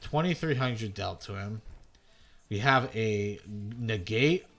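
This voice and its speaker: A man's voice: on the low side, lively intonation, takes it slowly, a bit bright. A man giving loose, self-mocking gameplay commentary as a video host, swearing freely. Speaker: gaming content creator.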